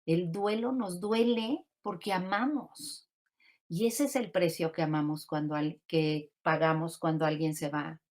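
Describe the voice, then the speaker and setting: A woman grief counselor giving a calm, reflective teaching talk on grief, often asking rhetorical questions. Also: on the low side, a little slow.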